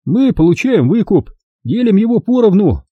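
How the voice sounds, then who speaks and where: A man's voice: high voice, very animated, moderate pace, husky, no room sound, muffled recording, pitched above the performer's own voice, heavily acted. A man voicing a blunt, businesslike male kidnapper who speaks in a matter-of-fact way.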